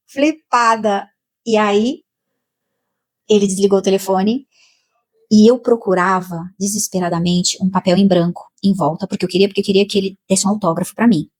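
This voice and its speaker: A Brazilian woman slowly and emotionally telling a personal spiritual testimony, with many repetitions. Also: mid-range voice, steady tone, darkish tone. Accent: Brazilian Portuguese. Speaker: spiritual channel host.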